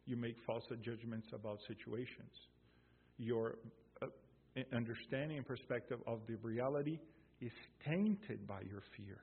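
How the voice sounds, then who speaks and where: Guy preaching a sermon, slow and emphatic, husky, sounds like a phone line. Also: medium pitch. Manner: emphatic, swelling loud on key phrases, quotes scripture slowly.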